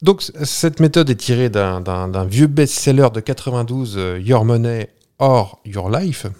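A man's voice: mid-range voice, lively intonation, a little slow, darkish tone. A man co-hosting a podcast, explaining a topic in a chatty, jokey way with fillers and restarts. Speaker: podcast co-host. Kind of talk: casual chat.

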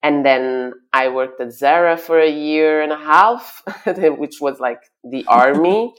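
A Belgian stylist whose first language is French appears as a guest in a conversational interview. Her voice is very low and slow, and she's hesitant, using many fillers and restarts and laughing often.

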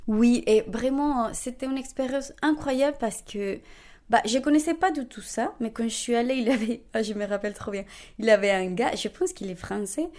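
A young woman in her twenties from Colombia, speaking French with a Colombian Spanish accent, telling her story in an animated way with frequent restarts and laughter. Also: fairly high pitch, moderate pace. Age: 20s. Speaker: interviewee. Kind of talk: conversational testimony.

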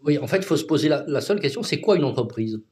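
A man's voice: a little high, expressive, fast, mellow. A man being interviewed as a guest on a podcast, explaining things step by step with concrete examples. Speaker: guest, agency founder.

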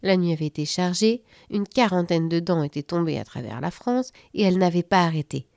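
A woman narrating a children's story in a lively, playful storybook manner. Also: on the low side, brisk, creaky, dry recording, clean studio sound.

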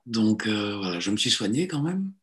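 An Italian psychotherapist and coach in his forties tells his life story in a relaxed interview. His voice is on the low side at a moderate pace, hesitant, full of fillers and restarts.

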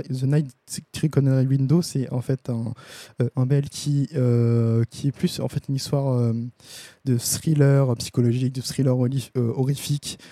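Hesitant man with a very dark voice. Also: medium pitch, no room sound. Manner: hesitant, many fillers and restarts. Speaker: host of a comics review stream. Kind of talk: casual live-stream review.

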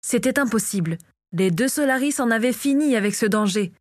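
Calm woman narrating an audiobook. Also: on the high side, fairly quick, no echo, studio quality. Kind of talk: scripted narration of a fantasy novel.

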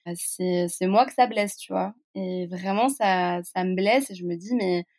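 A woman's voice: on the low side, unhurried, a little mellow. A young woman from France, a podcast guest, telling a personal story in a chatty way, full of fillers and little asides to the listener. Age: young adult. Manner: chatty, peppers speech with "tu vois" and fillers.

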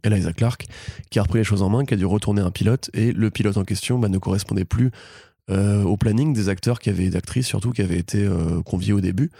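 A man co-hosting a casual pop-culture podcast, talking rapidly and joking while he runs through series news. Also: lowish voice, vocal fry, warm tone, husky, no echo, clean studio sound. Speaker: podcast co-host.

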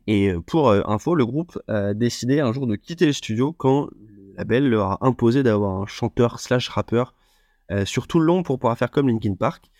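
A man hosts a solo podcast, talking unscripted and hesitating often, with lots of fillers and restarts. His medium-pitched voice is animated and a little mellow at a moderate pace, recorded in clean studio sound with no echo.

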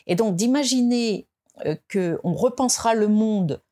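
A woman from France speaking as a guest in an interview, reflective and hesitant, with many fillers and restarts, and rising in pitch to stress her points. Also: unhurried, mellow. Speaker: design expert guest. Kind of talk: conversational interview.

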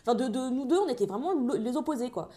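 A young woman from Paris, a designer, chatting in an interview and telling animated stories full of fillers and acted-out lines. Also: sits high, fast talker. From Paris, France. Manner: lively storyteller, acts out others' lines, many fillers. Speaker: designer guest. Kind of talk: casual interview chat.

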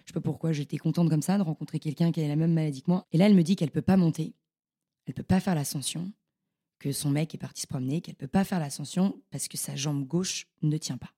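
A young woman, a podcast guest, telling her stories in a casual, animated and slangy way. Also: low-pitched, fast talker, breathy edge. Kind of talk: casual storytelling interview.

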